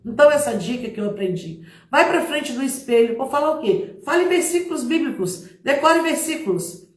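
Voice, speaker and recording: A middle-aged woman with a Brazilian Portuguese accent, a missionary giving a lively church talk, acting out examples and speaking straight to her listeners. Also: sits high, normal speed. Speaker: missionary preacher. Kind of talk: motivational church talk to a congregation. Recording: roomy, echoing recording.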